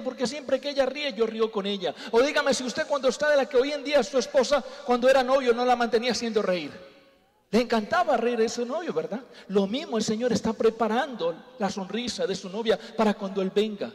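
A man's voice: very high voice, brisk. A man preaching a humorous sermon, telling jokey stories and calling the congregation his brothers. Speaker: comedian preaching at church. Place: church sanctuary. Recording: long church hall reverb.

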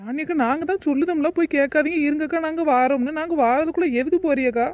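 A woman's voice: high voice, fast talker, darkish tone, dull audio, close to an everyday voice. A woman voicing a kind, concerned young village woman in a cartoon, coaxing. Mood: worried.

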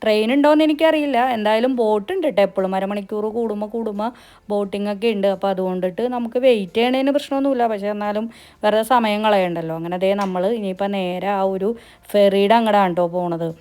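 Kerala malayalam woman doing a chatty travel vlog, really quick talker, throws english words in. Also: mid-range voice, darkish tone. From Kerala, India. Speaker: travel vlogger. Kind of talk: casual vlog narration.

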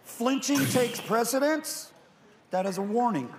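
A man's voice: extremely high pitch, lively intonation, a little slow, slight background noise. A man working as referee, giving terse commands to the fighters. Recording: mic amid loud crowd.

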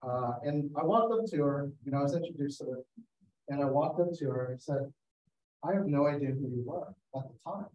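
Talking a little fast in a slightly high, warm voice, a photographer acts as guest speaker on a video call. He runs a storytelling slideshow, relating anecdotes and acting out quotes. The highs are cut off, and the distant mic makes the sound roomy.

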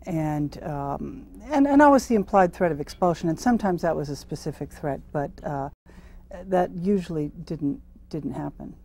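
Brief: middle-aged woman, low mellow voice, panel guest, thoughtful and halting. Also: lively intonation. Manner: thoughtful, hesitant with many fillers. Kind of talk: recounting experiences in a panel discussion. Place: TV studio with audience.

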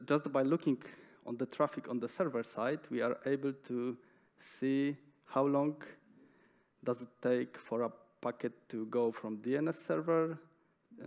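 A young man giving a technical conference talk on a stage, speaking in a measured way with frequent pauses and fillers. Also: mid-range voice, a little mellow. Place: conference stage in a large hall. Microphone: headset mic.

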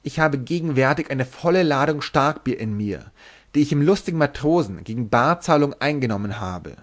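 A man's voice: medium pitch, lively intonation, normal speed, voice pushed up, lightly acted. A man voicing a tall, tipsy sailor who refuses a drink in an ornate, courtly manner. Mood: courtly protest. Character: tipsy tall male sailor, formal and long-winded.

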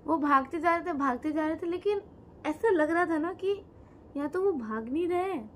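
A woman's voice: extremely high pitch, lively intonation, moderate pace, a bit bright, slight background noise. A teenage girl narrating a horror story to viewers, chatty and talking straight to them, with dry asides, recorded on a phone at home. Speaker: co-host storyteller. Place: indoor room, on a sofa.

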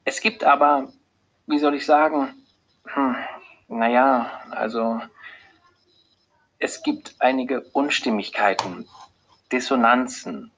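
A man reading an audiobook, voicing a composed, earnest female lab doctor who delivers hard news calmly and hesitantly, with a husky voice. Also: medium pitch, normal speed, slight background noise, voice pushed up, natural voice, low-quality recording. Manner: calm, earnest, hesitant when giving bad news. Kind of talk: audiobook character voice.

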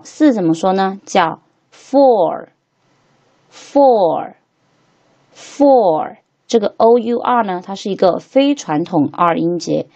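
A woman teaching English to beginners, patiently repeating each word slowly three times as she walks through a textbook lesson. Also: fairly low pitch, a little mellow, lo-fi sound.

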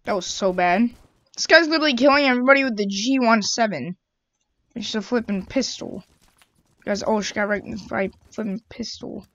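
A woman's voice: fairly high pitch, a little fast, fairly bright tone, a little hiss or hum. A woman giving chatty, exasperated running commentary over her own gameplay. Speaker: gamer. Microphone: own desk mic. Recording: dull lo-fi home mic.

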